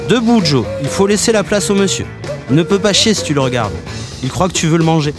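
A man putting on a lively eccentric animal-loving woman. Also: fairly high pitch, quick pace, music in the background, voice pushed up, lightly acted. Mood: scolding. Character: eccentric young woman who keeps wild animals.

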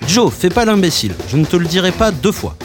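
A man putting on a lively eccentric animal-loving woman. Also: high voice, quick pace, over music, voice pushed up. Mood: scolding. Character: eccentric young woman who keeps wild animals.

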